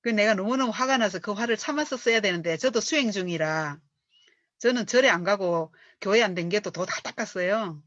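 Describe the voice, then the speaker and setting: A middle-aged woman, reading from a book and coaching on it as a lively storyteller who acts out the speech she quotes. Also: mid-range voice, a little fast, no room sound. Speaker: business coach. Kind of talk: reading aloud and lecturing on a book. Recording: dull dry lo-fi recording.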